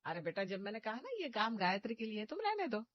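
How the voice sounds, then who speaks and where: A woman's voice: mid-range voice, quick pace, a little hiss or hum, lightly acted. A woman voicing a firm, motherly mother-in-law in a cartoon, speaking in a raised, commanding tone. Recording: dull lo-fi dry recording.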